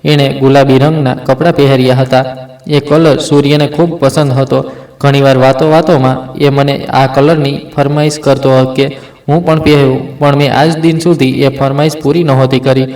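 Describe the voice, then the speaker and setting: A man narrates a first-person story in a steady, sombre read that trips over a word now and then. His pitch barely moves, and the room adds a clear echo. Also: moderate pace. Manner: steady, sombre, with small restarts.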